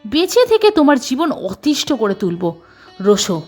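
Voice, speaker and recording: A woman doing a suspicious older wife in a story, sharp, accusing, high lively pitch, faint sitar. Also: normal speed, faint music behind.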